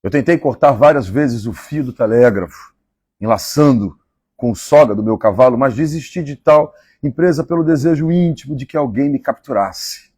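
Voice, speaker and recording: A man from Minas Gerais with a Mineiro Brazilian accent, reading a novel aloud on a live stream and pausing for chatty asides. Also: mid-range voice, a little mellow, slightly rough, no echo. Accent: Mineiro Brazilian Portuguese. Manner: measured, repeats favorite lines and chats between passages.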